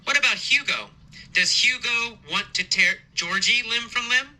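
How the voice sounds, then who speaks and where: A male teacher telling a story as a lesson, asking simple questions and answering them himself, slowly and with emphasis. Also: very high-pitched, bright, forceful tone, a little hiss or hum, rough recording. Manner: slow, repetitive, emphatic questioning. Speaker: English teacher.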